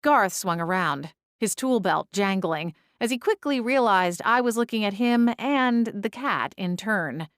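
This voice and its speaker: A woman's voice: medium pitch, fairly bright tone, dry recording, studio quality. A woman reading scripted first-person story narration as an audiobook narrator.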